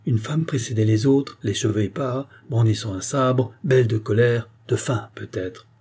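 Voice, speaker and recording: A man narrating a historical novel as an audiobook in a steady, measured storytelling voice. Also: mid-range voice, breathy edge.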